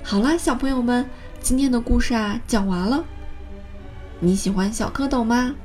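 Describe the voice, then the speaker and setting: A woman narrating a children's story in a gentle, expressive way. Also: fairly high pitch, normal speed, soft background music.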